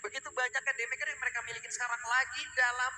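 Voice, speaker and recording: A man with an Indonesian accent giving fast commentary as an esports shoutcaster. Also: very high voice, flat delivery, background noise. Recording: loud music behind the voice.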